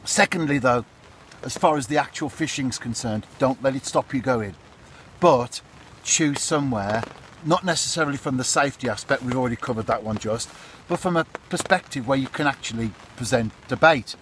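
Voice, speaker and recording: A man's voice: mid-range voice, normal speed, fairly bright tone. Middle aged guy chatting to his camera under a fishing brolly, repeats himself a lot, bit of wind and rain noise behind. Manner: chatty, repeats points, asks "isn't it?". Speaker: fishing vlogger. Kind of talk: casual to-camera advice. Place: outdoors under a fishing umbrella by a pool in a storm. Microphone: phone or camera close up. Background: storm wind and rain.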